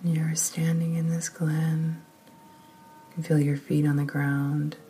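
A woman leading a guided meditation in a soft, often whispered, slow and soothing voice. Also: sits low, flat delivery, a little hiss or hum.

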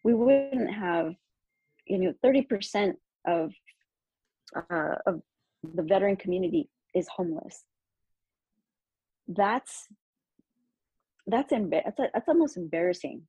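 A woman's voice: medium pitch, animated, measured pace, pauses often, mellow, slightly rough, dry recording, lo-fi sound. A woman military veteran, a guest in an interview, speaking bluntly and candidly with dry sarcasm. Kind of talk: conversational interview.

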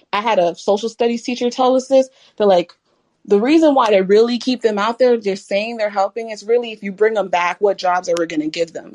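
A woman's voice: medium pitch, darkish tone, no echo. A woman caller chatting informally about her opinions, rambling a little as she thinks aloud. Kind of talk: casual opinion chat.

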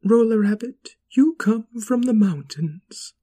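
A narrator voicing a caring mother in a children's storybook, her voice raised and soft with worry. She pleads gently for her child's safety. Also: mid-range voice, animated, slow, voice pushed up. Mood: tender worried. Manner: tender, pleading. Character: loving worried mother.

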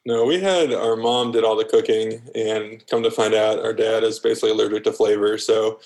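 A man's voice: fairly low pitch, fairly even intonation, fairly quick, darkish tone. A man talking as a guest in a casual chat, telling laid-back, wry stories.

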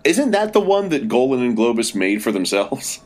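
A man's voice: medium pitch, big pitch swings, normal speed. A man co-hosting a podcast in casual film talk, stopping and starting as he goes. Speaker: podcast co-host. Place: hotel room. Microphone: outdated recording equipment.

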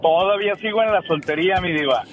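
Cheerful high male caller. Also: fast talker, soft background music. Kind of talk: phone-in chat.

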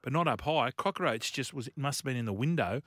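A male radio co-host with a broad Australian accent and a lively, swinging delivery. He banters casually in a blokey, slangy, teasing way. His mid-pitched voice sits close and dry. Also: a little fast, no room sound.

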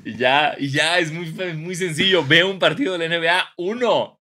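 A man's voice: a little high, normal speed, bright, forceful tone. A young Mexican man co-hosting a casual podcast, laid-back and slangy, with a teasing streak. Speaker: podcast co-host. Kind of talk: casual chat.

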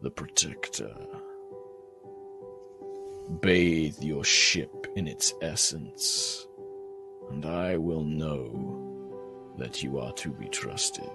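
A man voicing a solemn, cryptic fire god in a tabletop game, slow and hushed with a breathy crackle. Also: rumbling low, music in the background, voice pushed down, heavily acted.

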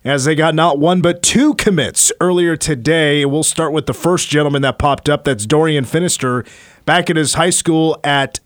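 A man's voice: on the high side, normal speed, no echo. A man hosting a sports radio show, chatting casually and upbeat about college basketball recruiting from a studio. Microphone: studio microphone.

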